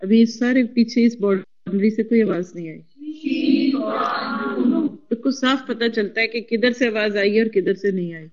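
A woman teaching a classroom lesson, spelling out root letters slowly and coaxing the class to repeat after her. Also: a little high, a little mellow, dull audio. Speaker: Quran Arabic teacher.

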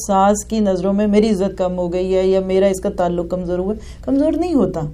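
A woman's voice: medium pitch, mellow. A woman giving earnest family advice, talking straight to her listeners. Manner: earnest, advising, addresses listeners directly. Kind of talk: advice talk.

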